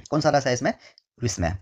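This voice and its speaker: A male teacher giving an exam-prep lesson, repeating key words slowly and often calling his students his dear children. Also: mid-range voice, lively intonation.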